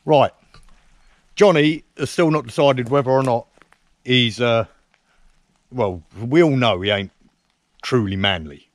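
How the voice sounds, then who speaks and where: With a mid-range voice, speaking a little slowly and leaving long pauses, an English camping vlogger addresses a tripod camera set close by in the woods. His casual talk is cheeky, teasing a friend and making dry jokes at his own expense, and the audio is dry without room echo.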